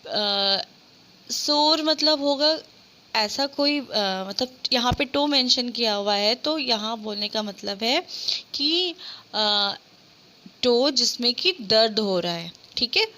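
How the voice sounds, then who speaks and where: A woman teacher working through an English lesson, reading each line very slowly before explaining it at an easy, chatty pace. Her voice sits a little high and sounds bright, and she keeps checking in with "theek hai" as she goes. A faint hiss runs behind her. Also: expressive. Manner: reads English lines very slowly, then explains in casual Hindi; spells words out letter by letter. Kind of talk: slow textbook reading with Hindi explanation.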